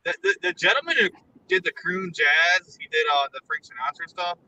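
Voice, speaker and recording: A man's voice: on the high side, expressive, a little fast, pushed and bright, slight background noise, low-quality recording. A man joining a live stream as a guest, chatting in an easygoing way. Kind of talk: casual chat.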